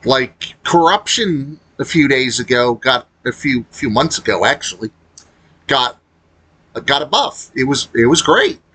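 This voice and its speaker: A man's husky, rough voice carries an expressive, sharp tone as he comments on a game without a script. His pitch jumps around a lot though his pace stays slow. He wanders through his points haltingly, thoughts trailing away as he revises them on the fly.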